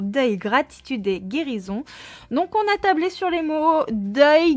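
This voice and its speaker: A woman's voice: sits high, no room sound. A woman hosting a book channel, chatting casually and listing items, with frequent hesitant fillers.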